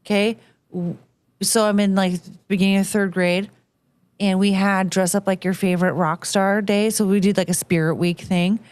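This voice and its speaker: A woman in her thirties, casually chatting on a late-night show and telling an animated, ranting story. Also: medium pitch, moderate pace, clear, resonant tone, dry recording. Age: 30s.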